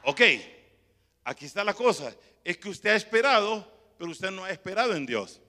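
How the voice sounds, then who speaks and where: A pastor preaching a sermon in a church, emphatic and calling out to the congregation, at times rising to shouts. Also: male voice, high voice, sing-song, moderate pace, in a large hall.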